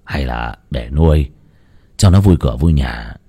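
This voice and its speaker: A man voicing a tired, resigned old village husband who grumbles in a low voice. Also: expressive, a little slow, dark tone, husky, heavily acted.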